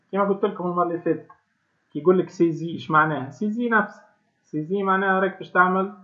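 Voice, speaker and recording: Tunisian guy teaching over a crappy laggy video call, talks fast, kinda high voice, sounds thin like a phone. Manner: explains step by step, keeps asking the class questions. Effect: choppy, low-quality online stream audio. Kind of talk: online class lesson. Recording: tinny low-bandwidth online call audio.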